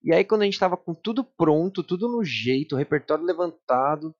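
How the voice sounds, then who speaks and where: A man's voice: a little high, expressive, fairly quick, a little mellow, highs cut off. A man with a Brazilian Portuguese accent in casual podcast chat, explaining things in slangy everyday speech as a guest musician.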